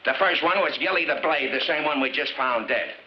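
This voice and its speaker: An actor playing a gruff, sarcastic veteran police captain, an older man trading screwball comedy banter in a 1950s film. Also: on the high side, a little fast, lightly acted. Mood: dry, impatient. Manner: wisecracking, gruff, slangy. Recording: dull, noisy 1950s film soundtrack.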